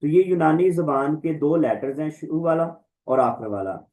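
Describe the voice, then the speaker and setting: A man teaching an online Greek class, slowly reciting and repeating letter names for students to follow. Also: on the high side, lively intonation, a little mellow, rough recording. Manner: slow, repetitive recitation, drawing out letter names. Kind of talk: online class lesson, drilling the alphabet.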